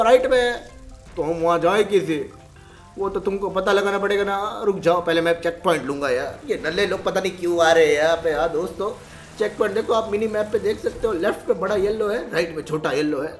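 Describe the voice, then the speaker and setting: High-voiced excitable man doing goofy cartoon voices. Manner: excitable, playful, switching between goofy character voices. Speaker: gaming YouTuber. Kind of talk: excited gameplay commentary with cartoon character voices.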